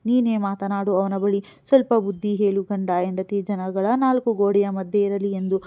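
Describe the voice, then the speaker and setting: A woman reading the lines of a calm, gently teasing older father-in-law. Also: mid-range voice, normal speed, no echo, natural voice. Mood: reasoning. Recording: phone-like narrow sound.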